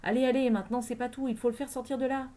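A sneering gang boss who bullies his own men with contempt, read by a woman. The voice is pushed a little higher and louder than a plain reading. It comes from an audiobook thriller. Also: steady tone, racing, close to an everyday voice. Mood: scornful. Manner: jeering, bullying. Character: gang leader, man, brutal and scornful.

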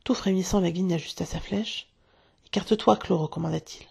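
A woman narrating a storybook in a hushed, dramatic way, often dropping to a whisper. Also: fairly low pitch, steady tone, brisk, vocal fry, husky. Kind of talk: storybook reading.

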